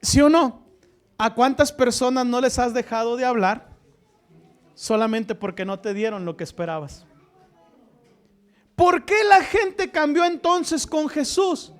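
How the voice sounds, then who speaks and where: A man preaching a sermon, firing rhetorical questions and swinging between loud emphasis and hushed lines. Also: extremely high pitch, lively intonation, measured pace, long pauses.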